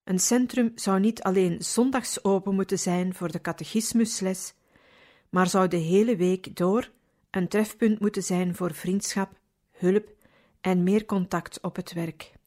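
A woman reading a religious story aloud in calm, measured scripted narration. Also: medium pitch. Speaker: audiobook reader.

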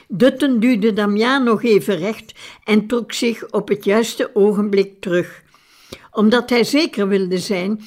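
A narrator with a mid-range voice reads a biographical audiobook script aloud in a calm, measured way.

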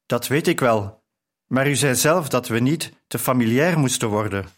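A man reading the lines of a spirited young woman writer with quick, indignant retorts. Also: mid-range voice, lively intonation, close to an everyday voice.

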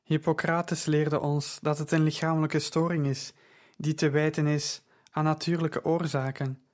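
A man voicing a young woman who sells purple dye, speaking in a gentle, reassuring and knowledgeable way. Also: sits low, little pitch movement, a little slow. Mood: calm reassuring. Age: young adult.

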